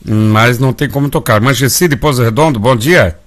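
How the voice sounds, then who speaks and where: On his live gospel radio show, a Brazilian host with a Brazilian Portuguese accent speaks a little fast at medium pitch. He keeps things folksy and refers to his listeners as family.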